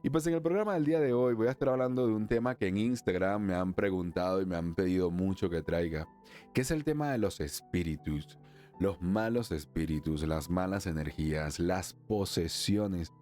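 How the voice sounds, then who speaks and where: A man from Venezuela hosting a solo spiritual podcast, chatty, laughing often, slowing down for emphasis and then speeding up. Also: sits low, a little mellow, soft background music. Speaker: podcast host, emotional wellness therapist.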